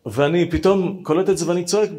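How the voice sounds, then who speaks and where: A man with a fairly high voice tells a personal story as a rabbi. He talks straight to his listeners in an animated way, acting out what each person said. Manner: animated, acts out dialogue, addresses listeners directly.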